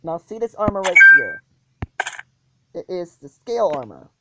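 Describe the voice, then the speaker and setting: A woman's voice: lowish voice, sing-song, moderate pace. A woman hosting a casual gameplay walkthrough, talking hesitantly with many ums and restarts. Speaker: gaming channel host. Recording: dull lo-fi audio with loud noise.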